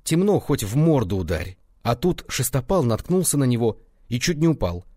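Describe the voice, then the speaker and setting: A frightened village watchman who babbles breathlessly in a raised, husky voice, as a man puts him on. The pitch jumps about, and the sound is dry and close. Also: very animated, moderate pace, mellow, no room sound.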